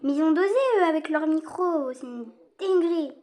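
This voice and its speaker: A high, girlish voice belongs to a young woman from France who narrates her online game as she plays. She chatters in slang, repeats her protests, and keeps breaking into laughter. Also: normal speed. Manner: excitable, repeats herself, laughs often; slangy teen talk. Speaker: gaming streamer. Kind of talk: casual gaming commentary.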